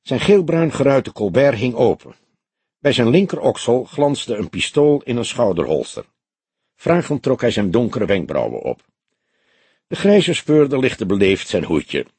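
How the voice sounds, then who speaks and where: A man narrates a detective story in a measured way, his voice slightly husky. His pitch moves lively through the sentences, and the recording is dry and close. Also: dry recording. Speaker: audiobook reader. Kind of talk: scripted narration of a detective novel.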